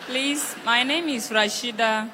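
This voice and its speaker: A woman's voice: on the high side, a little slow, long reverb tail, noisy background. A young woman of about twenty introducing herself politely and formally. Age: young adult. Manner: polite, formal, starting with please. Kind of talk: short self-introductions.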